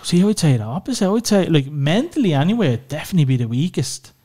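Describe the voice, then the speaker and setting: This Irish man, appearing as a podcast guest, has a mellow, higher-pitched voice with big swings in pitch and a quick pace. In a candid personal chat about family, he's open and emotional, swearing casually and saying "you know" again and again.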